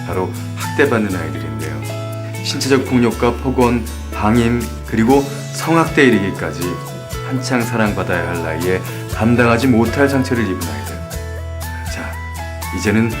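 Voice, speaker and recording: A man narrating a public campaign video in a gentle, earnest way, with guitar music behind. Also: lowish voice, animated, moderate pace. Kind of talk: scripted narration.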